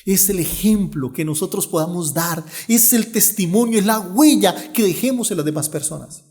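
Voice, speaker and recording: A middle-aged man, a pastor preaching a sermon and telling stories with lively acted-out dialogue. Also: high-pitched, normal speed, soft background music. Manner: animated storyteller, acts out dialogue.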